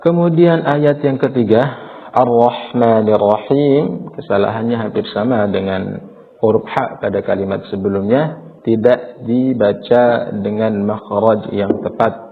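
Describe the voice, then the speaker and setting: Slow, low-voiced man teaching recitation. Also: gravelly, in a large hall. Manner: patient, repeats and chants verses slowly as examples. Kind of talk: explaining and demonstrating recitation. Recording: tinny phone-like audio.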